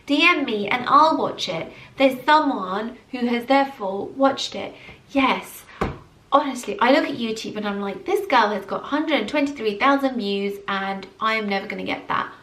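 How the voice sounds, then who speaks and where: A woman's voice: a little high, normal speed, echoey room, distant mic. A woman in her early thirties talking casually and emphatically to camera in a motivational vlog, from England. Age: early 30s. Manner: animated, emphatic repetition. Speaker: vlogger. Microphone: camera mic.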